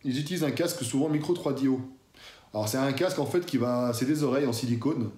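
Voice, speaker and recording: A fitness YouTuber talks straight to his audience in a relaxed, slangy way, full of familiar asides. The man's voice is mellow and warm, of middling pitch. The sound bounces around a bare, echoey room. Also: fast talker. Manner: chatty, slangy, addresses viewer as "tu". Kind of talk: casual talk to camera.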